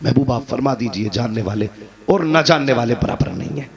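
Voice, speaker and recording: A man preaching a sermon, rising to loud emphatic peaks and then dropping low. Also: expressive, moderate pace. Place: gathering with a live crowd. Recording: crowd responding audibly.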